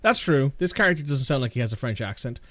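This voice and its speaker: A man's voice: medium pitch, lively intonation, fast talker, fairly bright tone, dry recording. A man casually commentating while playing a video game, sarcastic and swearing freely. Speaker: gaming channel host. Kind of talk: let's play commentary.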